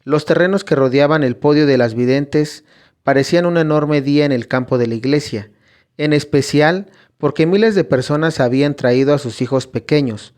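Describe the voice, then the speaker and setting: A man reading a scripted story narration in a steady, measured way. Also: a little high.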